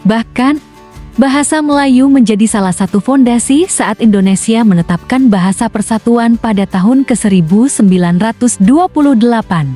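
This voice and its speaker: A woman host reading a scripted news commentary in a smooth, even manner. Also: a little high, moderate pace, faint music behind.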